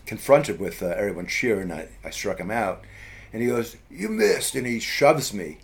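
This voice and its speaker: A middle-aged man spins a long story in casual conversation. His voice sits fairly low, and he keeps circling back with fillers and restarts. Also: expressive, normal speed. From US East Coast. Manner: rambling, many fillers and restarts.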